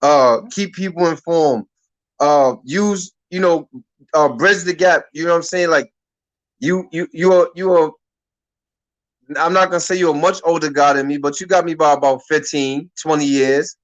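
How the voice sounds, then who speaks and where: A man in his thirties from Harlem hosts a talk-radio conversation, and his voice sits notably high for a man. He talks casually and loosely in street slang, often starting a sentence over before he finishes it. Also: normal speed, highs cut off. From Harlem, New York. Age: 30s. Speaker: radio show host.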